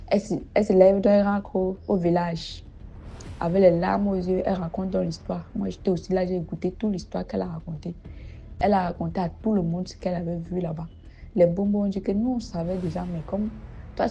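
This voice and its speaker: A woman's voice: lowish voice, warm tone. A woman, telling a village story in a casual spoken way, often hesitating and repeating words. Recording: dull lo-fi audio with background music.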